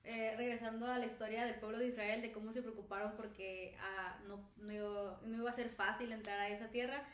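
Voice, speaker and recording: A woman's voice: on the high side, steady tone, brisk, hardly any pauses. A woman with a Mexican accent co-hosting a faith discussion, speaking earnestly and colloquially with emphasis. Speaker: youth group co-host. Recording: echoey room with faint noise.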